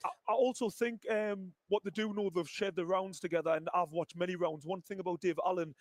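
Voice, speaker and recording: A man's voice: high voice, fairly even intonation, no room sound. A man in casual fight commentary on a live stream, cutting in with repeated "but, but". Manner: rapid, stacks up "but, but, but" when cutting in. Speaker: co-host of a live fight watch-along.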